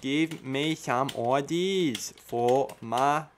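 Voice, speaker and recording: A man's voice: mid-range voice, drawn-out words, slight background noise. A young man in his twenties with an Australian accent, playing a cocky, combative eshay lout in comedic commentary full of eshay slang. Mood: cocky, casual. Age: 20s. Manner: eshay slang, tacks 'bah' onto sentences. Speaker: comedy host reacting to a chatbot. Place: small room at home, indoors. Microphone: close studio mic on boom arm.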